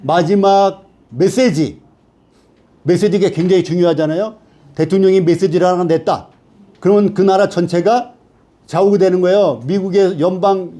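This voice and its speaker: A man's voice: high-pitched, mellow. A man teaching a Bible study class who keeps asking the class questions and then answering them himself.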